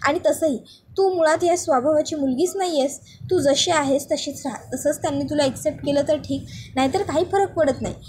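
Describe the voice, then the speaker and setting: A woman voicing a gentle young husband reassuring his wife to stay as she is. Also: high-pitched, fairly quick, natural voice. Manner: soothing, reassuring.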